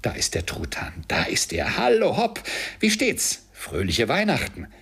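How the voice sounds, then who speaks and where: Giddy old miser guy, man putting him on, husky breathy, pitch flying all over, loud and high, audiobook. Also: normal speed, in a whisper, heavily acted. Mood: giddy, eager. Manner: excited exclamations, loud and high. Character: elderly male miser, overjoyed and giddy.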